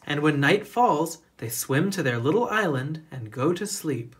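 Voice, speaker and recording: A storybook reader narrating a children's picture book in a deliberate, expressive storytelling manner. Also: mid-range voice, slight background noise.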